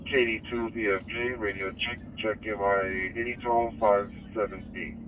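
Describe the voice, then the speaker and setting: A man's voice: fairly low pitch, steady tone, moderate pace, distant mic, phone-quality sound, background noise. A man doing a radio check, heard played back through a handheld radio's small speaker as he calls out his sign and counts one to five and back. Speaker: amateur radio operator.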